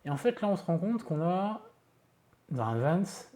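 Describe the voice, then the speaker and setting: A man's voice: high voice, very animated, unhurried, dark tone. A man talking through a casual screen-recorded tech tutorial from his home office, chatty and self-mocking, with many fillers and asides. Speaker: tech video creator.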